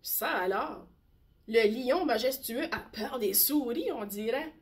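A woman teacher reading a bedtime story aloud slowly and expressively. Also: on the high side. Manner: slow, gentle, expressive.

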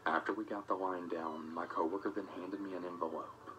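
A man reading a first-person scripted story in a matter-of-fact way, as narrator of an animated video. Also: low-pitched, fairly quick, a little hiss or hum. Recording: music playing under the voice.

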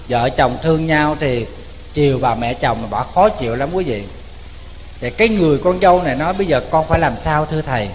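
A Buddhist monk with a Southern Vietnamese accent preaches in a lively, joking storytelling way, turning often to his listeners. His voice sits fairly high for a man. The sound rings with a long hall reverb over a faint hiss. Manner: lively, joking, addresses the audience directly. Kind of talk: storytelling sermon. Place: temple hall.

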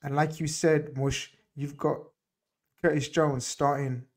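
A man's voice: on the high side, level tone, slow pace. A middle-aged man hosting a casual football chat over a video call, emphatic and repeating words for stress. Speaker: host. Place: home room, video call. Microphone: desk mic on video call.

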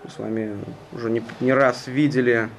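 A male commentator calls a hockey game live in a measured, conversational way. His pitch is average for a man. Faint arena noise sits behind him. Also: flat delivery. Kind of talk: live sports play-by-play commentary. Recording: noisy ice rink ambience.

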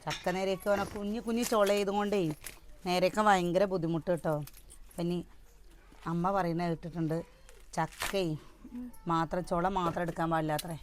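Woman, sore throat, casual home cooking vlog, chatty, lowish voice, faint noise behind. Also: fairly even intonation, fairly quick. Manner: chatty, addresses viewers directly. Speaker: cooking vlogger.

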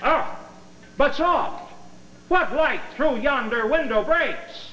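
Horror host man as hammy, drawn-out, lovestruck Romeo. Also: very high voice, lively intonation, pitched above the performer's own voice, heavily acted. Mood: lovestruck, grand. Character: lovestruck young Romeo, grandly theatrical. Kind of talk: mock-Shakespearean stage declaiming by a horror host. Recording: echoey noisy old TV studio tape.

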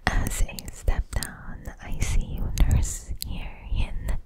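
Slow, close-up whispering young woman. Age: young adult. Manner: whispering softly and slowly, close to the ear. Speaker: ASMR video creator, nurse. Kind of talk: whispered ASMR. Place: indoor room at home. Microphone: desk microphone very close to the mouth.

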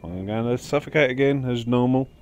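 A man's voice: mid-range voice, fairly quick, a little mellow, smooth, highs cut off. A man giving casual let's-play commentary as he plays, chatting to the game's creatures. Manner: chatty, talks to game creatures while playing. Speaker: gaming livestreamer.

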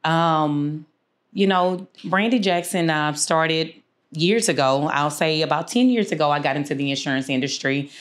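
Brief: low-pitched woman from Houston, interview guest, unhurried with many fillers. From Houston, Texas. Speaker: guest, insurance agency owner. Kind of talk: casual interview. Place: small studio room, seated.

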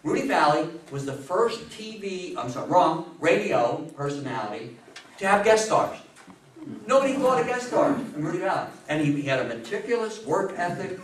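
In a meeting room, a seventy-something man gives an informal history lecture to a seated audience, animatedly sharing anecdotes, repeating phrases for emphasis and taking questions. His fairly high voice is sing-song at a normal speed. Recorded by a far camera mic, the sound has roomy echo and slight background noise.

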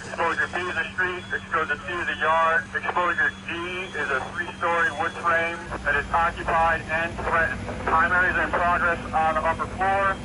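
A man speaking as a fire incident commander over the radio, terse and directive, giving size-ups and orders. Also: a little high. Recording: noisy fireground radio recording.

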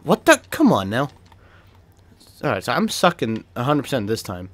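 A young man with a Boston accent, a gaming video creator, gives casual gameplay commentary in a medium-pitched voice at a moderate pace. He's excitable, swearing and laughing often and yelping whenever something startles him.

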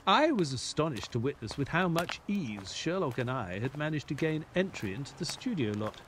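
A man's voice: fairly high pitch, big pitch swings, moderate pace, a bit bright, slight background noise. An actor playing an earnest, easily baffled male ex-soldier doctor who narrates and talks in an audio drama. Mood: earnest, narrating. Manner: hesitant, puzzled, earnest. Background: music.

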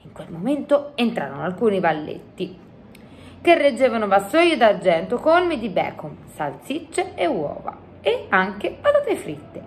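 A woman's voice: medium pitch, wildly swooping pitch, measured pace, a little hiss or hum. A woman, a teacher, reading a storybook aloud to children and breaking off to chat with them. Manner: chatty asides to the children.

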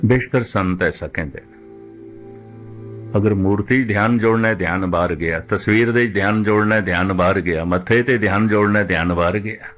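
Man, preacher, low voice, sermon with recited verses, faint background music. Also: fairly bright tone. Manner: slows down to recite scripture lines, rhetorical questions. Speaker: Sikh preacher giving katha.

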